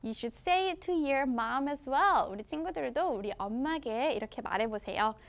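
With a Korean accent and a high, animated voice, a woman teaches children English from a picture book. She reads the English slowly and with exaggeration, then quickly explains each part in her own language, like a bilingual storybook lesson.

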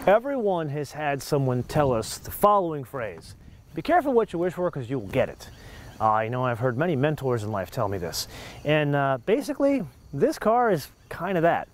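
A man's voice: fairly high pitch, moderate pace. A man in his forties hosting a car review, talking with emphatic energy while driving and outdoors on a lapel mic. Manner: lively, emphatic, talks with his hands. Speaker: car show host. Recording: road and outdoor noise behind.

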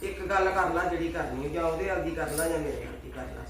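A woman's voice: low voice, quick pace, slight background noise, close to an everyday voice. Woman playing a grumbling mother-in-law. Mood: complaining. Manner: scolding, complaining. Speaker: actor in a family skit. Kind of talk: amateur family sketch acting. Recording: echoey, distant phone mic.

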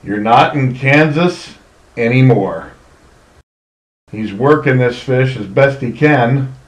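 Slow easygoing man narrating in an echoey room. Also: mid-range voice. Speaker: fishing charter captain. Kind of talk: voice-over narration.

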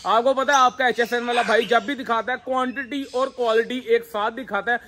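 A man in his thirties from Pakistan, hosting an excited, chatty vlog walkthrough of a bird aviary and talking straight to viewers. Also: very high voice, fairly quick. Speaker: vlogger host. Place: large outdoor bird aviary. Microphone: phone camera held at arm's length. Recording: noisy outdoor phone recording. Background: birds squawking.

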